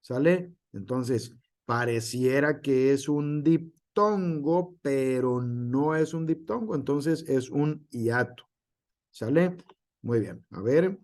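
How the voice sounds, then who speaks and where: Slow male teacher. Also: medium pitch, darkish tone. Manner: slow, spells out example words one by one; frequent fillers and tag question. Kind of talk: online class lecture.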